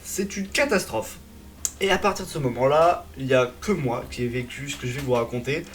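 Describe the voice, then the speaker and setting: A man's voice: medium pitch, brisk. A young man telling a personal story in a comic vlog style, dramatic, exaggerated and self-mocking. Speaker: vlogger.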